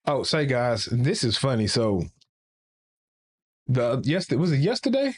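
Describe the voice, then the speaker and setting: A man's voice: mid-range voice, very animated, unhurried, breathy edge. A man hosting a casual tech livestream, rambling and playful and often restarting his sentences. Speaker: livestream host.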